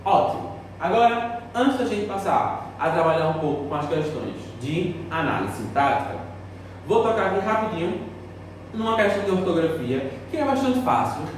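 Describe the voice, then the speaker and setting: In a Portuguese lesson for a school class, a man asks questions and answers them himself while explaining step by step. His voice is fairly high and a little mellow. The recording is echoey and faintly noisy, with the mic placed far away.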